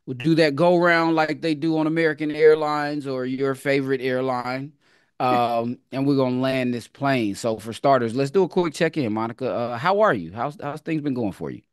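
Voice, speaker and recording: A man who is an educator co-hosting a casual podcast chat, talking in a relaxed, easygoing way. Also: medium pitch, moderate pace, clean tone, no room sound, clean studio sound. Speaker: educator, co-host.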